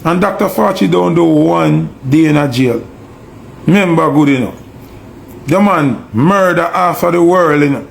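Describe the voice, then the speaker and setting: Jamaican man, raspy with fry, on the higher side; preachy, emphatic commentator rant. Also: normal speed, slight background noise. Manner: preachy, emphatic, fires repeated rhetorical questions. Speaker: online commentator. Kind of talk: ranting monologue.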